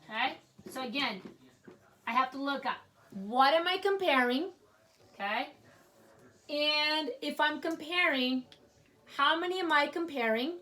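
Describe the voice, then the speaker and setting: A woman's voice: high voice, animated, bright, forceful tone. A woman teacher giving a grammar lesson, speaking patiently and checking in with "okay?" while writing at a board. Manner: slow, patient, repeats "okay?" often. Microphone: writing at a board while talking.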